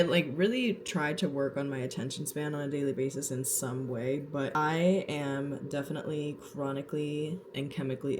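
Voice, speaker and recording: A woman's voice: low-pitched, background noise. A young woman chatting casually to her vlog audience in a sassy, filler-heavy way, a little out of breath, at home in a townhouse. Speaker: vlogger. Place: townhouse, indoors.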